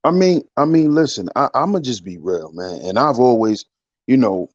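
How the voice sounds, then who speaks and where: A man's voice: mid-range voice, expressive, moderate pace, highs cut off. A man speaking bluntly and with emphasis as a panelist on a remote call, with his voice echoed back by a second device. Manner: blunt and emphatic, with frequent restarts. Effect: doubled echo from a second device on his line. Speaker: panelist on a live stream. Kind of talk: casual online panel chat. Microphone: remote call microphone.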